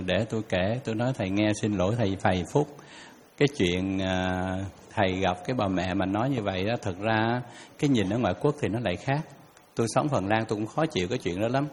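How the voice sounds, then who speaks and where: Hesitant man in an echoing hall. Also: lowish voice. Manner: hesitant, apologetic, many fillers. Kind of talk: casual anecdote in a talk. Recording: reverberant hall with faint noise.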